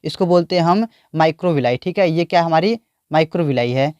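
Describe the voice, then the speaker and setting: Guy teaching bio, high smooth voice, keeps asking "what do we call this?", dry close sound. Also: fairly quick, a little mellow, no room sound, highs cut off. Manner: repeats questions to the class. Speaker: biology teacher. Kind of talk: explaining a diagram.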